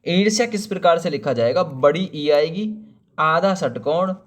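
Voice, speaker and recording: A man's voice: fairly high pitch, expressive, unhurried. A man teaching a spelling lesson for exam preparation, asking rhetorical questions, drawing out words letter by letter and calling viewers friend. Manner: explains each option, asks rhetorical questions; familiar, calls viewers friend and brother.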